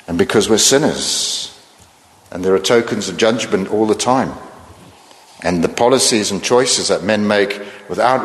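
Earnest low-voiced preacher in a reverberant hall. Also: male voice. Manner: measured, earnest preaching with rhetorical questions. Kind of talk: sermon.

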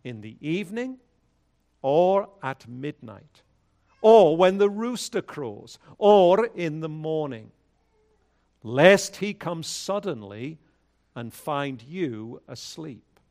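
Slow, solemn pastor at a pulpit microphone. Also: male voice, a little high, big pitch swings, a little mellow. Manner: measured, solemn liturgical delivery. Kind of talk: leading prayer and reading scripture.

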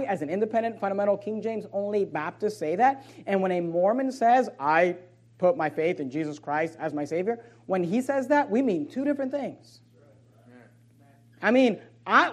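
A man preaching a sermon as pastor, emphatic and at times sarcastic, with quick swings in volume. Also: very high-pitched.

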